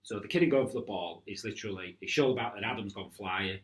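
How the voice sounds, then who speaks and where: A man with a very low voice chats casually on a club podcast. He is agreeable and retells match moments in a relaxed way. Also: fast. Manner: agreeable, recounting incidents with acted quotes. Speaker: futsal club podcast co-host.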